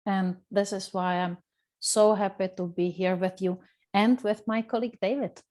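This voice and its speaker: A woman's voice: mid-range voice, fairly even intonation, normal speed, darkish tone. A middle-aged woman from Czechia with a Czech accent, speaking earnestly as a coach in a webinar. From Czech Republic. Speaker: coach and lecturer. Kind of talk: webinar talk. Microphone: video call.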